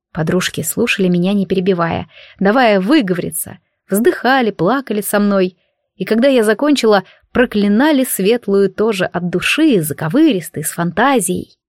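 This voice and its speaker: A woman narrating a first-person audiobook with a lively, expressive reading. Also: medium pitch, no room sound, clean studio sound.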